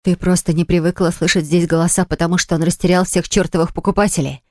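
A woman's voice: on the low side, level tone, fast talker, no echo, studio quality, close to an everyday voice. A woman voicing an indignant young woman baker who speaks in a shaky, upset voice. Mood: firm.

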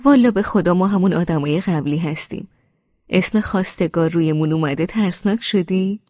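A woman voicing an older, chatty female family friend who fusses and coaxes in a slow, raised voice. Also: on the low side, dark tone, no echo, dull audio, close to an everyday voice. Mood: coaxing. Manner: fussing, coaxing.

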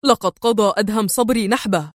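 A woman's voice: medium pitch, quick pace, dry recording, studio quality, close to an everyday voice. A woman voicing a cold, ruthless female gang boss who speaks harshly and sternly in a dramatized novel reading.

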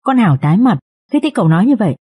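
A woman's voice: mid-range voice, very animated, racing, warm tone, breathy edge. A woman narrating a drama story expressively as an audiobook reader.

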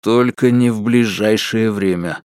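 A man reading an audiobook, voicing a shaken young man who speaks in a subdued, halting way. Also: mid-range voice, animated, no echo, studio quality.

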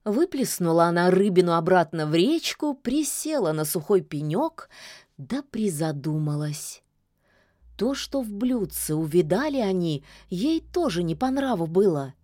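A woman narrating a fairy tale in a calm, folksy storytelling manner. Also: on the low side, measured pace, dry recording, studio quality.

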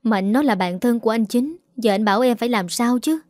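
A woman's voice: on the high side, fairly quick, a little mellow, no room sound, studio quality, natural voice. A woman voicing a timid but stubborn eighteen-year-old girl who pleads defensively. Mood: quiet.

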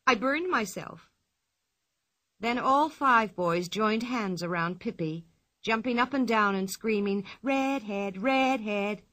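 Bright-voiced woman reading a storybook. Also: mid-range voice. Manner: clear, expressive, measured storytelling. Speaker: narrator.

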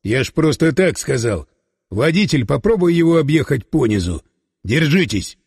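A man voicing a gruff, commanding male leader who barks curt orders in an audiobook. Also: fairly high pitch, very animated, normal speed, darkish tone, dry recording, clean studio sound, long reverb tail, exaggerated voice. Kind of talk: audiobook character voice.

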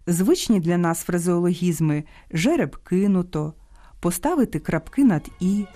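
Lively, warm-toned woman radio host. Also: on the low side, moderate pace. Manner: didactic, lively emphasis on quoted words. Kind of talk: scripted radio talk.

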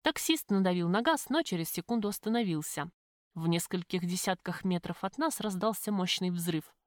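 A woman narrating a first-person audiobook in a lively, expressive reading. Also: on the low side, normal speed, dry recording, clean studio sound.

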